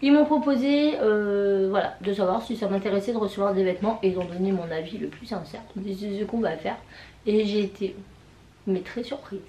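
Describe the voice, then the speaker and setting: A woman in her thirties chatting casually in a vlog, hoarse from tonsillitis with her voice mostly gone, hesitant and rambling. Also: mid-range voice, brisk, warm tone, slight background noise. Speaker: vlogger. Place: indoors, bedroom. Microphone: camera on a tripod. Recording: echoey room.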